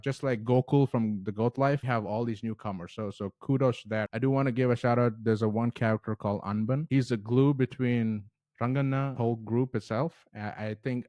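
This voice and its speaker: A man's voice: mid-range voice, a little mellow, no echo. A man hosting a casual movie review vlog, talking in an enthusiastic, conversational way.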